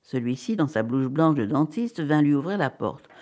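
A woman narrating a short story aloud, dramatic and animated. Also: deep voice, moderate pace. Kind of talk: expressive audiobook reading.

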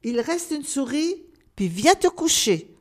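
Woman voicing a calm mother hedgehog. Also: sits high, slow pace, voice pushed up, exaggerated voice. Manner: calm, matter-of-fact.

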